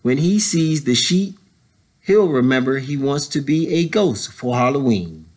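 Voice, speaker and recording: A man in his thirties reading a children's picture book aloud, pausing to add casual explanatory asides for young listeners. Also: medium pitch, expressive, a little mellow. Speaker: story time reader, educator. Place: indoors, school library.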